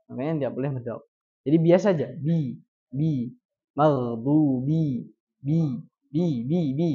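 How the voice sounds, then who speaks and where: A man teaching Quran recitation. He poses questions and answers them himself, and he repeats syllables slowly to demonstrate each sound. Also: fairly high pitch. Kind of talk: recitation lesson. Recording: dull lo-fi recording.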